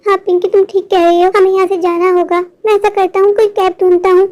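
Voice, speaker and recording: A woman's voice: very high voice, little pitch movement, quick pace, a little mellow. [name], a performer doing a stubborn little boy. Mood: reassuring stubborn. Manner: reassuring, stubborn.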